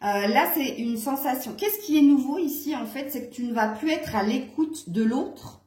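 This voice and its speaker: A woman's voice: high voice, expressive, moderate pace, darkish tone. A woman giving a casual tarot reading to her viewers, chatty and hesitant, with many fillers. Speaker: tarot reader. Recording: echoey room.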